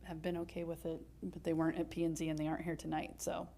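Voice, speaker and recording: Lower-voiced woman presenting a staff report. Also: monotone, quick pace, gravelly, mellow. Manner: explains step by step, with frequent ums and uhs. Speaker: city planning staff presenter.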